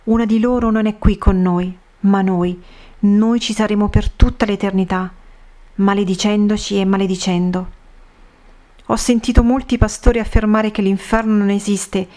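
A woman voicing a young damned female soul, bitter and tormented, in a slow, solemn reading of a religious vision story. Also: mid-range voice, a little mellow, lightly acted. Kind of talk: scripted narration of a religious vision.

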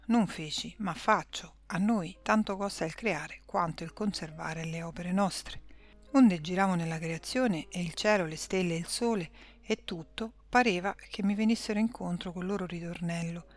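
Lower-voiced woman reading devoutly. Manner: slow, measured delivery, some phrases dropping to a whisper. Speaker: reader of a devotional text. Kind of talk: devout scripture-style reading aloud.

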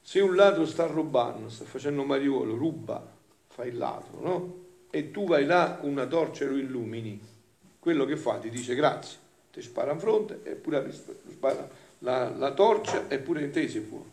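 A man preaching a homily in a gravelly voice, in an echoey church room. He keeps asking rhetorical questions and moves between hushed asides and loud, emphatic passages. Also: medium pitch, lively intonation, normal speed. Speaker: friar preacher. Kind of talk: sermon.

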